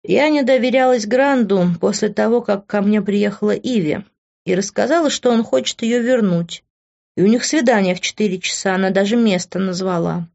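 Woman reading a story out loud in first person, middle pitch, kinda muffled lo-fi recording. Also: normal speed, gravelly. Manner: expressive, lifts pitch on the heroine's speech. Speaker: audiobook narrator. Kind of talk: first-person novel narration. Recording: dull lo-fi recording.

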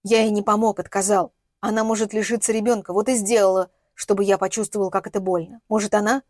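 A desperate, grieving father from an audiobook, pushing out strained, pleading words in loud bursts, read by a woman. The voice is dry and close, with no room around it. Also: mid-range voice, little pitch movement, quick pace, dry recording, natural voice. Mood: anguished. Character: desperate middle-aged man searching for his missing daughter.

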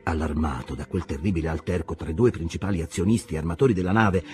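A man narrating a classic novel as a scripted audiobook reading, telling it in an expressive, storytelling manner. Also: low-pitched, fast, faint music behind.

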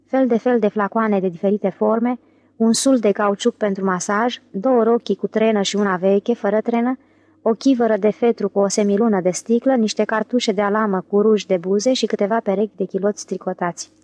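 A woman narrating a literary audiobook in an even, measured reading style. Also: mid-range voice, no room sound.

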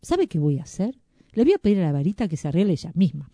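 A storyteller voicing a timid, grumbling stage wizard who speaks slowly and doubtfully. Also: mid-range voice, very animated, dark tone, no echo. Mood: decidido. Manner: hesitant, slow, doubtful.

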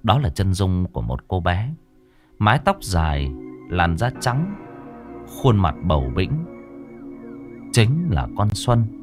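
Guy reading a ghost story, low voice, really animated delivery, faint music behind. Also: slow, long pauses. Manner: dramatic, expressive reading. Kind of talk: scripted horror story narration. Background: faint background music.

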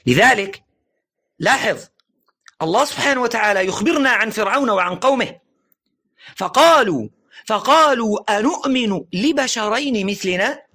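A man giving a religious lesson in an earnest lecturing tone, often urging listeners to pay attention, stressing phrases slowly and letting his voice drop at the ends of sentences. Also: high voice, animated, pushed and bright, slightly rough. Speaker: religious teacher.

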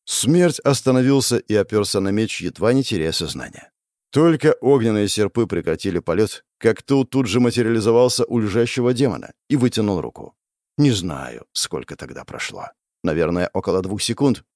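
A man narrating a fantasy action audiobook in first person, intense and dramatic, breaking into shouted exclamations. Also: lowish voice, very animated, normal speed, dry recording, clean studio sound.

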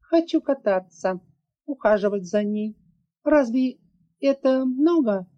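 A woman voicing a stubborn little dragon girl who pleads insistently in a high, childlike voice. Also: animated, slow pace. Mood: pleading. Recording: dull lo-fi audiobook recording.

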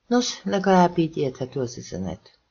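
A man's voice: a little high, huge pitch swings, a little mellow, dull audio, slight background noise, pitched above the performer's own voice. A man voicing a blunt, sardonic female police detective.

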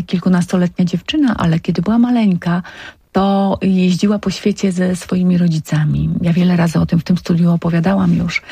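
Radio host, woman, dark husky voice with fry, dry studio mic, gentle anecdotal delivery. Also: fairly low pitch, no echo. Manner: warm storytelling, tender diminutives. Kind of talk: radio interview.

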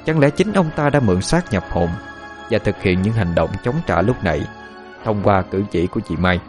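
Male storyteller, low pitch, southern Vietnamese accent, dramatic horror narration, faint music bed. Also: animated, moderate pace.

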